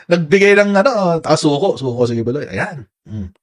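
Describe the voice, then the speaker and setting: Lively animated Filipino man vlogging. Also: fairly high pitch, moderate pace. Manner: animated, laughing, addresses viewers as "mga kababayan"; reads viewer comments aloud. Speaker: political commentary vlogger. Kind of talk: casual live commentary.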